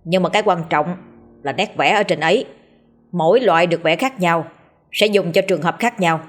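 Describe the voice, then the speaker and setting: A woman's voice: on the low side, lightly acted. Woman voicing a curt young exorcist man. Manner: blunt, dismissive, brisk.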